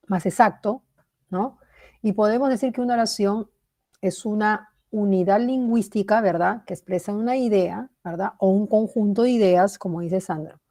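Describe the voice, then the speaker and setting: A woman's voice: medium pitch, mellow. A woman teaching a language class, explaining step by step, praising students by name and checking in with "¿verdad?". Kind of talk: online class lecture.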